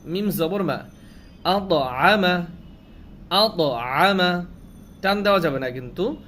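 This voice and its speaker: A man teaching Quran reading, slowly spelling out syllables and repeating each one, with a Bangladeshi Bengali accent. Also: high voice, expressive, a bit bright. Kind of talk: slow spelling-out recitation lesson. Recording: faint background noise.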